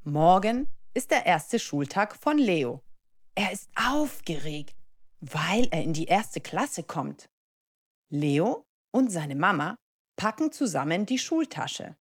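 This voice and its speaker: A woman reading a children's story aloud in a slow, expressive, sing-song manner. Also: on the low side.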